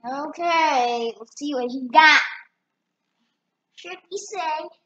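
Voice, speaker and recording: Squeaky Fire Mario, as a performer puts him on. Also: lo-fi sound, slight background noise, heavily acted. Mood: chatty, bossy. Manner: bossy, teasing, talks in halting bursts. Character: Fire Mario, a chatty cartoon plumber man. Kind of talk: casual let's-play banter. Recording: roomy, far from mic, loud game music.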